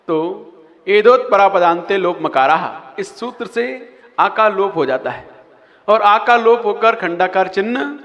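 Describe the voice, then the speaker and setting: A man, a Jain monk, patiently teaching how to pronounce and chant verses, singing the lines between slow explanations. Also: high-pitched, a bit bright. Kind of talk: recitation lesson. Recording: long hall reverb.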